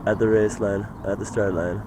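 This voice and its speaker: A man's voice: on the low side, level tone, normal speed, noisy background. A young man talking in a rambling, meandering way, full of "like" and "you know", in a casual monologue. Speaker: vlogger.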